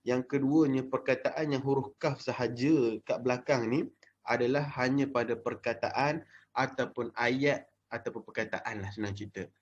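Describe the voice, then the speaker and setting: This young man, speaking with a Malaysian Malay accent, runs an informal Jawi lesson for children, talking chattily with lots of fillers and slowly breaking words into syllables. His voice is mid-range, and the audio sounds dull.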